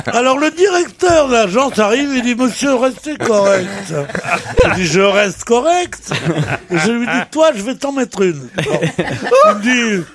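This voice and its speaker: An older man tells a colorful, boastful anecdote in a high, lively voice that swoops up and down. He plays out everyone's lines himself. A loud studio audience laughs behind him. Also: measured pace, a crowd in the background. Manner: colorful, boastful storytelling, acting out the others' lines. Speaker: regular panelist telling a story. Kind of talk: animated anecdote on a radio talk show.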